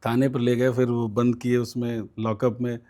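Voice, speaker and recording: Mellow-voiced man from recounting. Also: medium pitch, flat delivery, normal speed. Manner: recounts events at length with many fillers and quoted voices. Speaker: student politician guest. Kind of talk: conversational storytelling interview.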